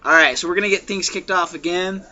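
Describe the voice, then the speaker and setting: A man's voice: sits high, fast, sharp tone. A man hosting a casual wrestling podcast, laughing often and steering the talk along, on a muffled lo-fi recording. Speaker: podcast host. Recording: muffled lo-fi recording with faint hiss.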